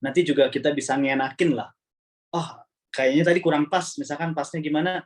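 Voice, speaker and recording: A man's voice: fairly high pitch, a little fast. Chatty male online language teacher. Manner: relaxed, chatty, repeats words while explaining. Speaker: Arabic teacher.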